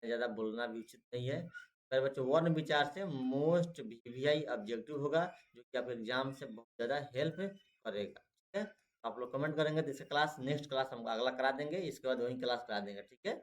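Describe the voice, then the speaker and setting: A man's voice: mid-range voice, fairly quick. A man teaching an exam-prep lesson, repeating each point and quizzing the students with short questions. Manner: repetitive, drills and quizzes students.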